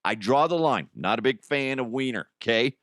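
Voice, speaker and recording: A man hosts a podcast, delivering a casual comedic monologue full of crude jokes and laughing at his own lines. His mid-range voice is fairly bright, with lively intonation at a moderate pace. The sound is studio quality, with no echo.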